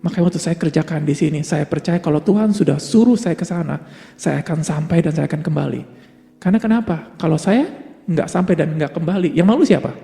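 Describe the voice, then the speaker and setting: A man's voice: high-pitched, creaky, warm tone. A man preaching a sermon, asking rhetorical questions and answering them himself, building to emphatic peaks and dropping English words into his talk. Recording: long hall reverb with faint music behind.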